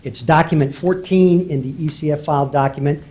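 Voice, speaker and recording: A man's voice: a little high, a little fast, slight background noise. A man arguing as a lawyer before a judge, pressing his points with rhetorical questions and emphatic repetition. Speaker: lawyer arguing in federal court. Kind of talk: courtroom oral argument. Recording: dull lo-fi courtroom audio.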